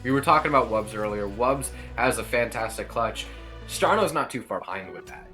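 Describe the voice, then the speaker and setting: A man's voice: mid-range voice, animated, brisk, pushed and bright. Male fighting game announcer over music. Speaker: esports match commentator. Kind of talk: fighting game announcer, live play-by-play commentary. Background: music playing behind the voice.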